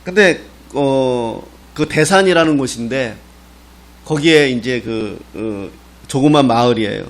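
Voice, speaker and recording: A middle-aged man preaching a Sunday sermon, with a voice of ordinary pitch for a man. He is a pastor from Gangwon Province who delivers his message as folksy storytelling. He keeps it conversational and lightly humorous. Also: a little slow. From Gangwon Province, Korea.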